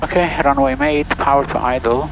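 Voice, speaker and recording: A man's voice: medium pitch, steady tone, normal speed. A man piloting a small plane, talking himself through each step and making radio calls. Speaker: student pilot flying solo. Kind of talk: cockpit self-narration with radio calls. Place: small plane cockpit in flight. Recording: dull cockpit audio, clear engine noise.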